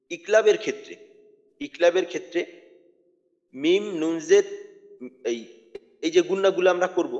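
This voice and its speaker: A man teaching Quran recitation rules, spelling out letters and vowel marks slowly and deliberately. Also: high-pitched. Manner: slow, deliberate, drawn-out spelling of sounds. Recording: dull lo-fi sound with long reverb.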